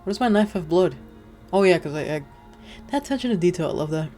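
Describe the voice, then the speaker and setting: A woman's voice: lowish voice, animated, fast talker, warm tone. A young woman doing casual, slangy let's-play commentary, chatting back at the game as she goes. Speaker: gaming video host. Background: faint game music.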